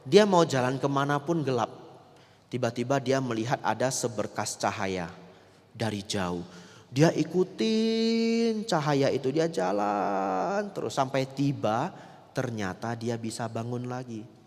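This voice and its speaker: A man, a Buddhist monk giving a lively dharma talk that often turns to the audience. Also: medium pitch, a little slow, vocal fry. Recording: long reverb of a large hall.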